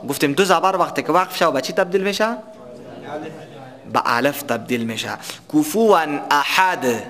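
Animated and fairly bright, this male teacher's voice sits on the high side as he gives a tajweed lesson. He lays out the recitation rules, poses questions to students before supplying the answers, and slowly chants verses to illustrate.

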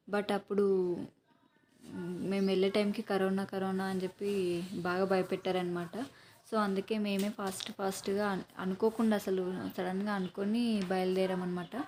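A woman's voice: mid-range voice, a little mellow. Chatty woman narrating in a car. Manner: chatty, explains events step by step. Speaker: vlogger and mother. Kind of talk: casual travel vlog narration. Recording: road and car noise behind.

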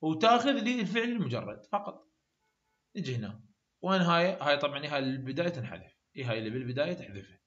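A man's voice: on the high side, very animated, fast talker, fairly bright tone, dull audio. A man with an Iraqi Arabic accent teaching an English exam lesson, asking questions and answering them himself. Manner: explains by asking and answering his own questions.

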